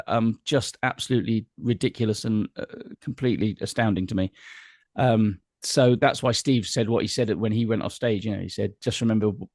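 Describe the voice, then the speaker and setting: Fast-talking man telling stories. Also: lowish voice, a little mellow, no room sound, clean studio sound. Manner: chatty anecdotal storyteller. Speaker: guest entertainer. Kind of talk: casual interview chat.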